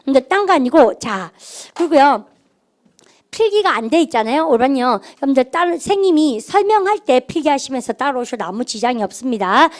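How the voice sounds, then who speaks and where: High-pitched woman teaching grammar. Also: brisk. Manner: animated, drills students to repeat aloud. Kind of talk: classroom lecture.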